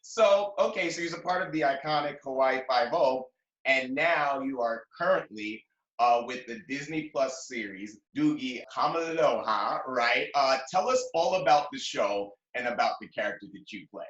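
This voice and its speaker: A man's voice: mid-range voice, lively intonation, moderate pace, a bit bright, lo-fi sound. Guy hosting an online interview, upbeat, lots of mm-hmms, echoey room, mid voice. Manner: upbeat, with short affirming interjections. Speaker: interview host. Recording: roomy echo.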